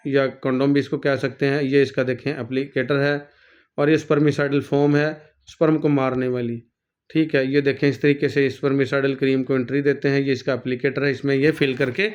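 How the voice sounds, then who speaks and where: A man lecturing a nursing class, reading English textbook lines slowly and then explaining each one. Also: on the high side, a little mellow, clean tone. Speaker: nursing course teacher. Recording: slightly dull lo-fi recording.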